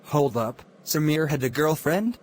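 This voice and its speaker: A man's voice: on the high side, expressive, unhurried. A man playing a formal, businesslike police officer questioning witnesses in a murder mystery film.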